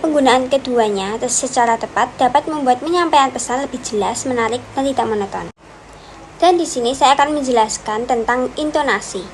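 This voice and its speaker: A woman's voice: sits high, fairly quick, low-quality recording. A young woman giving a class presentation, reading steadily through numbered points. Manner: steady listing with repeated "dan yang kedua" connectors. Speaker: student presenter. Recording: faint background noise.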